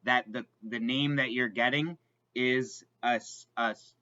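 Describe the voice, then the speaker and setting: A man's voice: medium pitch, steady tone, unhurried, pushed and bright, muffled recording. A man co-hosting a podcast in casual chat, rambling with lots of fillers and restarts. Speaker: podcast co-host.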